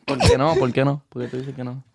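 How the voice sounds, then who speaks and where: A man's voice: mid-range voice, fairly even intonation, fairly quick, vocal fry, darkish tone, no echo. A man co-hosting a casual podcast chat, teasing and pressing with questions, laughing often.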